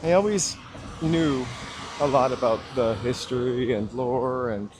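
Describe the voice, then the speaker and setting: A man walks along a city street outdoors, chatting casually to live viewers and rambling with plenty of fillers. His mid-range voice is unhurried and a little mellow, slightly froggy with a small dry cough, and there's a bit of hiss or hum.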